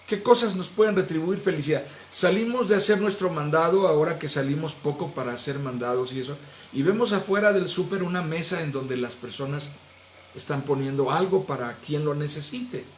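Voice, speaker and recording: A male pastor teaching a Bible study in earnest, raising his voice on some phrases and dropping low and soft at the ends of others. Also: brisk. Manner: earnest, swings between raised animated phrases and low soft trailing endings. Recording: echoey room, faint background noise.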